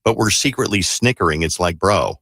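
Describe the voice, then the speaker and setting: A man's voice: on the low side, expressive, brisk, sharp tone, no room sound, studio quality. A man hosting a casual radio chat, acting out imagined remarks as he talks. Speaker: radio show host.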